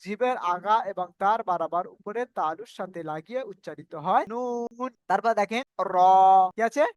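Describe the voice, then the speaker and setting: A man teaching Quran recitation in an online class, patiently repeating rules and spelling out sounds slowly. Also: sits high, a bit bright, no echo. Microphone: video call.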